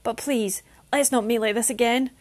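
A woman's voice: fairly high pitch, steady tone, moderate pace, darkish tone, close to an everyday voice. A woman reading a storybook aloud and voicing a brave, determined young woman who calls out over a storm. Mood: steadying.

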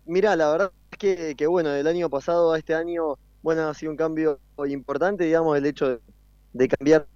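A man with an Argentine accent, a racing driver speaking haltingly as a guest over a remote call with weak Wi-Fi and a bad connection. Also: fairly high pitch, fairly even intonation, a little mellow, no echo. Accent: Argentine Spanish. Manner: hesitant, halting, with many restarts. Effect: bad internet connection with weak Wi-Fi signal. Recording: dull lo-fi remote call line.

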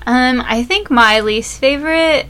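Giggly higher-voiced woman co-host. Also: measured pace, a bit bright, a little hiss or hum. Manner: giggly, enthusiastic, laughs often. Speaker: podcast co-host. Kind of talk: casual recap chat.

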